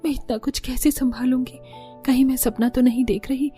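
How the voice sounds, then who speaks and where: A woman's voice: high-pitched, moderate pace, dark tone, soft background music, lightly acted. A woman voicing a timid young orphan bride in a cartoon story, anxious and apologetic. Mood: wondering. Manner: apologetic, tearful pleading.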